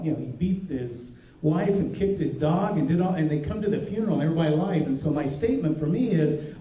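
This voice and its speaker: In a conference room, an elderly pastor delivers a sincere, homespun workshop talk full of restarts. He speaks with a mellow voice that sits on the high side, picked up from afar in a dull, echoey recording.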